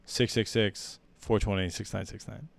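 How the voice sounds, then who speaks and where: A man co-hosting a podcast in casual chat, rambling with jokey deadpan asides. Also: fairly low pitch, moderate pace, creaky. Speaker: podcast co-host.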